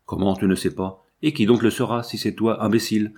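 A man's voice: fairly low pitch, fairly even intonation, a little fast, darkish tone, slightly rough. A man reading aloud and voicing a blunt, outspoken old farm servant woman who scolds. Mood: scolding. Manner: brusque, scolding.

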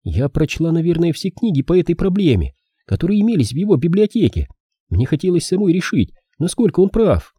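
A man voicing a desperate nineteen-year-old woman in an audiobook, high and pleading. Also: very animated, brisk, dark tone, husky, no room sound, clean studio sound. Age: young adult.

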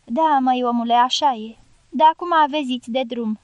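Storybook role: a wounded, commanding soldier, voiced by a woman reader, high-pitched and dry. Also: smooth, dry recording, muffled recording, close to an everyday voice. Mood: resigned, steady. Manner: measured, firm commands. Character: American male dynamiter, wounded, calm and commanding.

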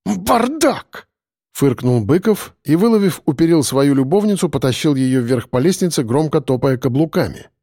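A man narrating an audiobook in the first person, calm and steady. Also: medium pitch, moderate pace, dry recording, studio quality.

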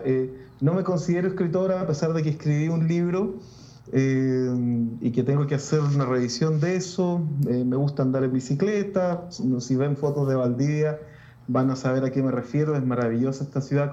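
A Chilean man, a Lutheran pastor, talking reflectively in a casual interview with many restarts and pauses. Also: medium pitch, dark tone, echoey room, lo-fi sound.

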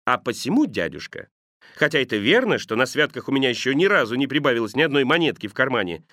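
A man's voice: medium pitch, sing-song, quick pace, pushed and bright, no echo, studio quality. A man reading the part of a cheerful, earnest young man. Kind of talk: audiobook character reading.

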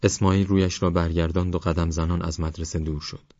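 A man reads an audiobook in a steady, measured way. His voice is very deep, and the recording is dry and slightly dull. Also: no echo. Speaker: audiobook narrator. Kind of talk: scripted audiobook narration.

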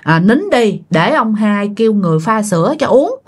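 A woman voicing an older village man who knows spirit rites, gently coaxing a spirit to stop crying. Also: medium pitch, big pitch swings, moderate pace, breathy edge. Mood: soothing. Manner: soothing, coaxing. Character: calm old village man versed in spirits.

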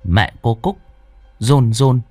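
A man's voice: mid-range voice, takes it slowly, a little mellow, no room sound, faint music behind. A man narrating a ghost story in a suspenseful, vivid cadence.

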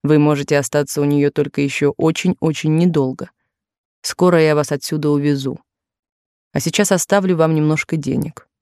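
A woman voicing an insistent, possessive wealthy man courting a young maid, in a lowered, slow, pressing voice in a dry studio recording. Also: fairly even intonation, darkish tone, dry recording.

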